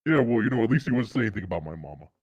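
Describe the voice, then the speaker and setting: A man's voice: fairly low pitch, sing-song, rapid-fire, slightly rough, no room sound. A man voicing a brash male adventurer who rambles and repeats himself. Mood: cocky. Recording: dull lo-fi sound.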